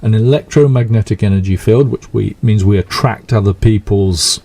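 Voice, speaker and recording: A man with a low, mellow voice talks calmly as a radio guest. He explains hypnotherapy patiently, leaning on everyday examples. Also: normal speed, no room sound. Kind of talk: radio interview.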